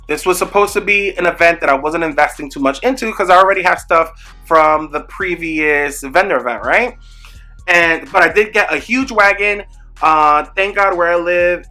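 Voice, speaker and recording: A young man telling an animated, chatty storytime about his small business, talking straight to his viewers. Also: fairly high pitch. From New York. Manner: animated, chatty, emphatic retelling with asides to viewers. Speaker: small business owner vlogging. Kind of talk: casual storytime vlog. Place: home room with product shelves.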